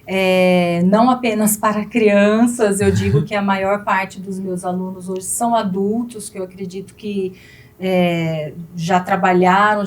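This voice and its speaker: Chatty Brazilian woman piano teacher. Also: mid-range voice. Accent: Brazilian Portuguese. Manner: chatty, frequent fillers like "né". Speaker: guest pianist, piano teacher and tuner. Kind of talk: casual interview chat.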